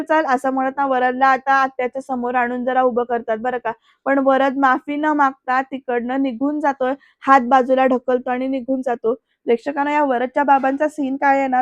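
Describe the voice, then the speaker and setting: A woman's voice: high voice, dry recording. A woman recapping a TV serial episode in a chatty way, speaking straight to her viewers. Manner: chatty, addresses the viewers directly. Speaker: TV serial reviewer.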